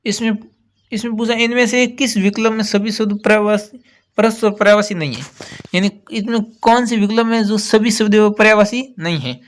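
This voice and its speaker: A man's voice: high-pitched, fairly quick. A man teaching and walking through exam questions one by one, patiently repeating the key words as he explains. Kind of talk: exam answer walkthrough.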